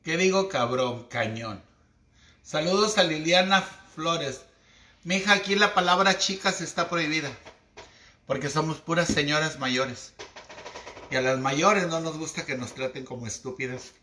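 Mexican man, esoteric livestream host, slangy theatrical chat, high-ish bright voice, echoey room. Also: unhurried, a little hiss or hum. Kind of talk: casual livestream monologue.

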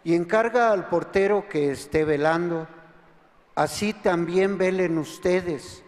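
A man, a priest, reading the Gospel at Mass in a slow, measured liturgical way, with a cathedral echo behind his voice. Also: high voice. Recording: long reverb of a large church.

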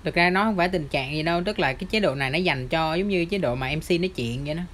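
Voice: mid-range voice, quick pace, a bit bright, a little hiss or hum. An audio shop presenter with a Southern Vietnamese accent, walking viewers through a device demo step by step in a chatty, pointing manner. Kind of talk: product demo tutorial.

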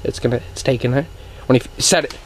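A man's voice: mid-range voice, fast talker. Young man coaching on an ice fishing trip. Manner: coaching, upbeat, repeats short cheers. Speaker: outdoors channel host. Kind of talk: casual fishing vlog. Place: small ice fishing shelter on a frozen lake. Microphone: action camera.

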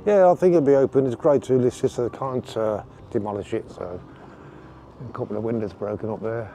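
A man giving a casual outdoor walking tour, relaxed and rambling with fillers. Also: medium pitch, a little fast, muffled recording, a little hiss or hum. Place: outdoors on town streets.

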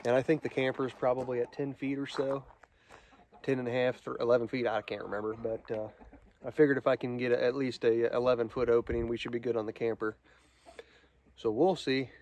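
A man in his thirties, outdoors at a building site, casually explaining the work he is doing, relaxed and thinking aloud. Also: mid-range voice, a little fast, slight background noise. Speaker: DIY barn builder.

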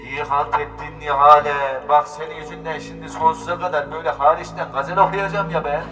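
A man's voice: fairly high pitch, steady tone, a little fast, lightly acted. An actor playing an exasperated, wisecracking ghost husband who grumbles and draws out his calls in a TV comedy drama. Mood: aggrieved grumbling. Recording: echoey reverberant hall, distant, loud music.

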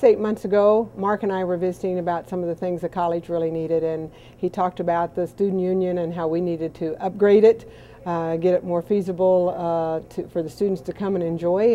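A woman's voice: fairly low pitch, dark tone, dull audio. A woman from a college foundation, talking enthusiastically and chattily on camera in a large indoor hall. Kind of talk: on-camera interview.

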